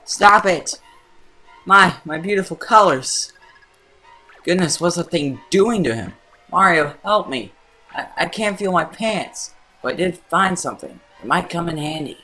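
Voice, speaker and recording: A man's voice: a little high, big pitch swings, quick pace, few pauses, bright, forceful tone, faint music behind, voice pushed up, full character voice, rough recording. A man voicing a panicky, melodramatic little male retainer in a video game voice-over. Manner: whiny and melodramatic. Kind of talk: let's play voice-over.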